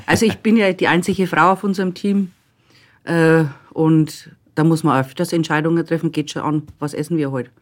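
A woman's voice: deep voice, fairly even intonation, moderate pace. A middle-aged woman tells stories from her job in a podcast interview. She is blunt and matter-of-fact, and she acts out the dialogue as she goes. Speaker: transit service staff member. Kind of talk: telling anecdotes in a podcast interview.

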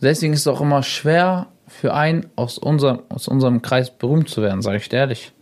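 Young man, radio guest, animated storyteller, acts out quotes, casual chat. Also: medium pitch, fast talker, a little hiss or hum.

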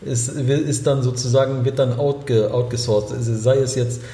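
A man's voice: mid-range voice, fairly even intonation, moderate pace, mellow, reverberant. A man co-hosting a casual talk show, hesitant and searching for words with many restarts. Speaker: podcast co-host. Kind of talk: casual discussion.

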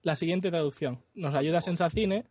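A man's voice: on the high side, moderate pace, darkish tone, dry recording. Joking Spanish man with a dry sound. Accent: Spain Spanish. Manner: jokey, reads out lines in mock foreign accents between laughs. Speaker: podcast co-host. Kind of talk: casual comedic chat.

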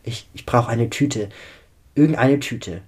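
A man's voice: medium pitch, a little slow, darkish tone, husky. A man voicing a distraught young schoolgirl who sniffles, stutters and panics in a storybook reading. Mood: panicked.

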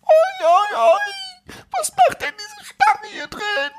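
A man's voice: extremely high pitch, huge pitch swings, takes it slowly, slight background noise, pitched above the performer's own voice, exaggerated voice. A man voicing a tiny, child-like ghost living in a door lock, squealing complaints in a storybook reading. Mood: whimpering.

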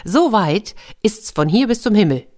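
A woman voicing a polite, quick-witted young servant answering his king. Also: medium pitch, lively intonation, a little mellow, pitched above the performer's own voice, natural voice. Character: humble clever young male servant.

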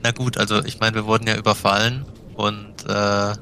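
A man with a fairly low, bright voice takes part in a casual tabletop role-play as a player. Background noise is audible. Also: flat delivery, normal speed.

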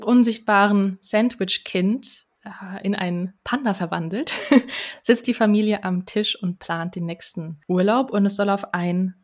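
A woman's voice: mid-range voice, unhurried. Chatty woman host. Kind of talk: casual chat.

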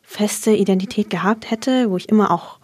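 A woman in her twenties co-hosts a casual podcast. Her pitch sits in the middle range. She keeps the talk going with curious, probing questions. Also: moderate pace, a little mellow, husky. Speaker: podcast co-host.

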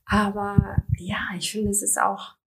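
A woman's voice: mid-range voice, level tone, a little slow, a little hiss or hum. A woman in her thirties hosting a podcast interview, chatty and addressing her listeners directly. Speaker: podcast host.

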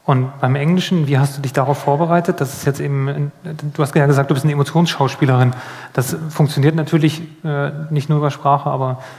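A man's voice: fairly high pitch, steady tone, fairly quick, darkish tone. Chatty male interviewer in a hall. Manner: rambling questions with restarts and playful teasing. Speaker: interviewer, host. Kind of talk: casual interview questions. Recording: long hall reverb.

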